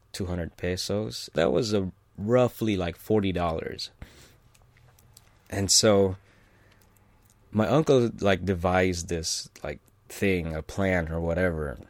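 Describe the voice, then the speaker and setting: A man with a very low voice tells an anecdote in a relaxed, rambling way, full of fillers and little chuckles. The sound is dry and close, with no room around it. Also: a little slow, dry recording. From California. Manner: rambling, many fillers and restarts, chuckles often. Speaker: storyteller. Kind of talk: casual personal anecdote.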